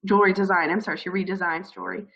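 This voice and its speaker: Speaking at a racing pace, a woman advises new military spouses in an informal, earnest and encouraging way, leaning on frequent fillers. A cold makes her lowish, fairly even, fairly bright voice scratchy, froggy and hoarse, and the audio is dull.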